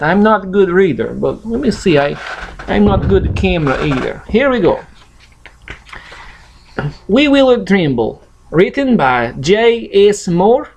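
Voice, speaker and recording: A host with a Russian accent slowly reads a picture book aloud and chats casually to the camera, his fairly high voice swooping in intonation. His grammar is non-native and his delivery halting but playful, and the recording quality is low.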